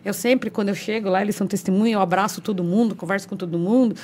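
A woman from Brazil, a guest on a podcast, telling anecdotes in a lively, animated way. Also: mid-range voice, rapid-fire, slight background noise. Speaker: podcast guest, local government official. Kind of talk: casual chat, storytelling.

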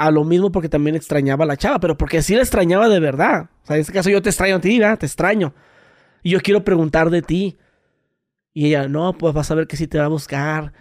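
A man telling a story in casual podcast chat, animated, full of crude slang and acted-out voices. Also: fairly high pitch, no echo, clean studio sound.

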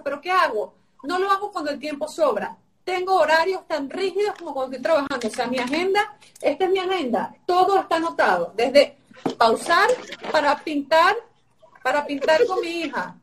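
A woman's voice: high voice, recorded from a distance. A woman giving emphatic, repetitive advice on a live stream, her voice tired and sore-throated. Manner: emphatic, repetitive teaching phrasing. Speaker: guest coach.

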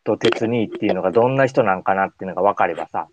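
A man's voice: low-pitched, rapid-fire, lo-fi sound, noisy background. A man with a Kansai accent hosting a radio show in casual, colloquial chat. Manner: informal, colloquial.

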